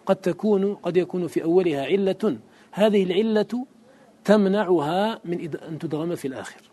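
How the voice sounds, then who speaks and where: A man teaching Quran recitation rules in a classical Arabic lesson. He reads verses of a poem aloud, explains them line by line, asks his students questions, and chants the Quranic examples slowly. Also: a little high, dark tone.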